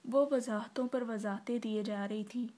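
A woman's voice: fairly high pitch, fairly even intonation, moderate pace, dark tone. Woman steadily reading a novel aloud. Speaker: narrator.

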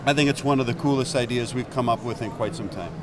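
Talking fast in a medium-pitched voice, a fifty-something executive cheerfully walks through his product at a busy indoor expo, pointing to the hardware. Crowd noise surrounds him, and an interviewer holds the handheld mic.

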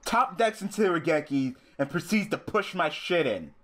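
A man's voice: on the high side, animated, moderate pace, a bit bright. A young man hosting a casual card game commentary, swearing constantly and ranting about losing. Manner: swears constantly, ranting and furious over a loss. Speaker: host.

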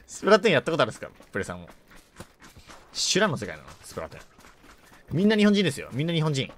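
A woman live-streaming a shooter game in casual chat, rough and tough-talking, joking, reacting loudly to the game and greeting viewers. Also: a bass voice, very animated, rapid-fire, slight background noise.

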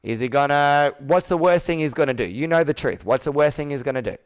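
His voice sits on the high side with a clean tone and a quick pace. This man in his thirties is coaching sales live over video from an indoor room with a whiteboard, running roleplay and repeating phrases in a persuasive, emphatic style.

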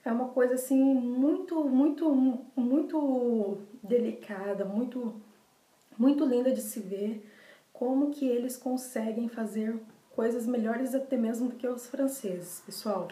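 A young Brazilian woman chats casually to the camera as a video blogger, showing desserts and repeating words to emphasize them, in a Brazilian Portuguese accent. Her mellow voice is on the high side and her pace is measured. The echoey sound comes from the small, bare room she's in.

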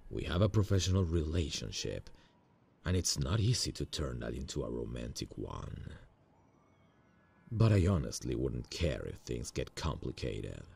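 In a romantic audio roleplay, a man plays a tender, earnest male boss in an extremely low, very deep voice that is gravelly, husky and full of fry. He speaks intimately, slowly and hesitantly, soft-hearted like someone nervous and in love, with a sing-song, heavily acted delivery.

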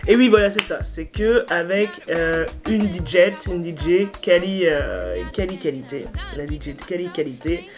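Woman with an eastern French accent, casual music chat, low-ish voice, rambling and slangy, music bed clearly audible. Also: normal speed, hardly any pauses. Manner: slangy, excitable, rambling with many fillers. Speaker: music YouTuber. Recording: music playing clearly behind the voice.

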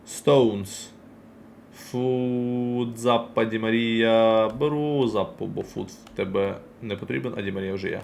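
A man's voice: lowish voice, fairly even intonation, vocal fry, darkish tone, slight background noise. A man streaming a football card game, chatting casually with his viewers as he opens packs and reacts. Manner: chatty, addresses chat directly, quick reactions. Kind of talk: casual live-stream commentary while opening packs.

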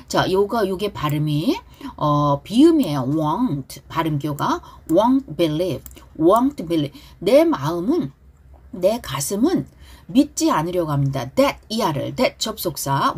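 A middle-aged woman teaching pop song lyrics and English pronunciation, stretching out each lyric line slowly between quicker explanations. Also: fairly low pitch, darkish tone, slightly rough. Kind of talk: pronunciation lesson with lyric drills.

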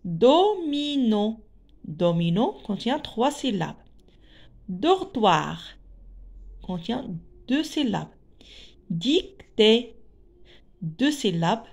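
A woman teaching children to read, sounding out syllables slowly and repeating each word. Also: mid-range voice, sing-song, creaky. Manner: adds Arabic translations. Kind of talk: reading lesson for young children.

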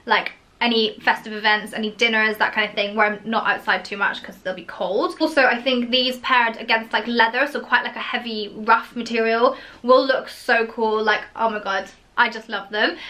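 A woman's voice: fairly high pitch, steady tone, normal speed, pushed and bright. A young woman in her twenties, chatting casually and gushing about clothes in a home haul vlog, full of "like" and "so". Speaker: fashion vlogger.

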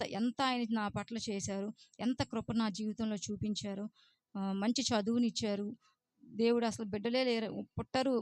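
A woman's voice: mid-range voice, a little mellow, dry recording. A young woman, telling her personal testimony in an earnest, emotional way and mixing in English words. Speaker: church member giving testimony.

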